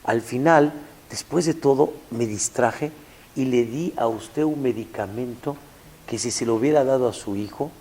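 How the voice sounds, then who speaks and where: A man voicing a curt pharmacist in a told story, brisk and matter-of-fact. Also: medium pitch, mellow, natural voice. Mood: apologetic. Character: curt male pharmacist, stern then remorseful.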